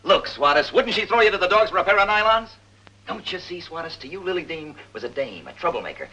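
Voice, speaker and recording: An actor playing a tough, blunt police captain in a 1950s film, talking in a clipped, forceful way. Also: male voice, high voice, sing-song, fast talker, husky, heavily acted. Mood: hard, pressing. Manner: clipped, forceful, hard-nosed interrogating. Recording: dull lo-fi 1950s film audio.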